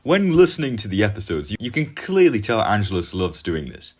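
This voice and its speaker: A man's voice: lowish voice, big pitch swings, brisk, darkish tone. A man presenting an opinion video essay in an earnest, opinionated way. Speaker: YouTube commentator.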